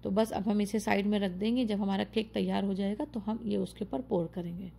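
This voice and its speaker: Her voice is mid-range and gravelly, with fairly even intonation and a fairly quick pace. The woman, an adult mother of children and host of a home cooking channel, chats through her tutorial, praising the dish and giving viewers tips step by step.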